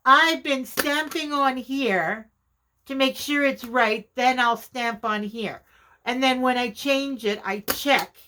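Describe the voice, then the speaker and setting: Slow-talking chatty woman crafter. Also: on the high side, fairly bright tone. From Canada. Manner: chatty, self-deprecating, exclaims often. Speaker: journaling vlogger. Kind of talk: casual craft vlog demonstration.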